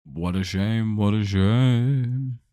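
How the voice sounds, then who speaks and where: Speaking extremely slowly in a warm voice on the low side, a man hosts a baseball live stream with clean studio sound and no echo. He does casual play-by-play, joking and chatting with viewers between plays, relaxed but a bit worn-voiced after talking all day.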